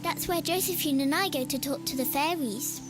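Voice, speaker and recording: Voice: high voice, moderate pace, over music, natural voice. A performer voicing an innocent, dreamy little girl in a video game, eager and wide-eyed. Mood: eager, wondering. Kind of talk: dramatic video game voice acting.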